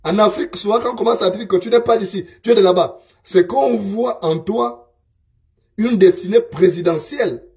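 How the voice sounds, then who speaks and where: A man speaks in a high voice. He delivers a scornful political monologue and hammers his points home by repeating them. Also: normal speed, darkish tone. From Gabon. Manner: scornful, emphatic, repeats himself.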